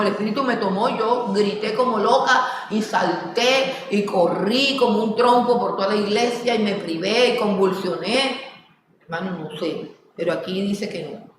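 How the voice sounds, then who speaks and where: A woman with a Colombian Caribbean accent leads a Bible class, acting out the people she quotes. Her voice carries from a distance across an echoey church hall with a long tail. Steady noise sits under it. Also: mid-range voice. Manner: animated, acts out quotes with laughter. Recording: echoey hall, voice from far off, noisy.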